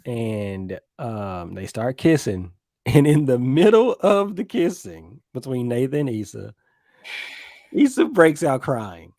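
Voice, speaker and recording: A man's voice: medium pitch, very animated, takes it slowly, darkish tone, no echo. Laid-back Southern man recapping on a podcast. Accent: Southern American. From American South. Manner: laid-back storytelling, recaps scenes with quoted lines. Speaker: podcast co-host. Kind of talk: casual chat.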